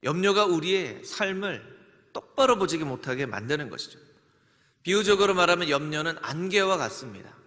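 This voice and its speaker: Male pastor, earnest sermon, bright tone, long church reverb. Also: fairly high pitch, very animated, normal speed. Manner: leads congregation in greetings and recitation, earnest. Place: church sanctuary.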